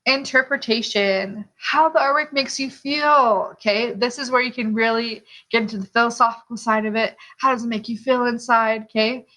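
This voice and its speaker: Bright, high-voiced woman teaching a lesson. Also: steady tone, moderate pace, few pauses. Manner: rhetorical questions, checking in with "okay". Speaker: art teacher. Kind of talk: instructional lesson narration.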